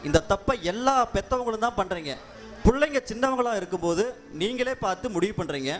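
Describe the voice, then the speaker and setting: A man's voice: high-pitched, expressive, a little fast, soft background music. A man acting an earnest son in a stage drama, persuading his father.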